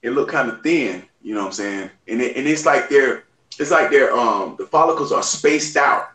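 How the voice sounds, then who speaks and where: Loud, joking man in an echoey room. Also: medium pitch, lively intonation, normal speed. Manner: loud, profane, joking banter. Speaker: live stream panelist. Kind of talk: casual chat.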